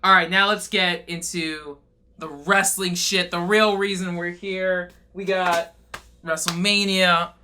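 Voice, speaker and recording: A man's voice: high-pitched, steady tone, slow, sharp tone, clean tone. A man hosting a casual interview, chiming in often with short agreement. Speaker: host.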